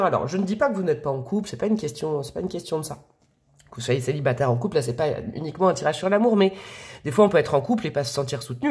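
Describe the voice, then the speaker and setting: A woman reads tarot to her viewers in a loose, chatty way. She is affectionate and rambling, full of fillers and little asides. Her voice is mid-pitched and a bit sniffly from allergies. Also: darkish tone. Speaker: tarot reader. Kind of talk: casual tarot reading to camera.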